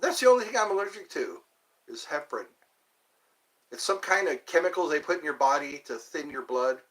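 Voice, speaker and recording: In a rough recording, a man in his fifties hosts a livestream, chatting casually with viewers in a rambling, joking, self-deprecating way. His voice is fairly high and fairly bright, with lively intonation and a slightly fast pace.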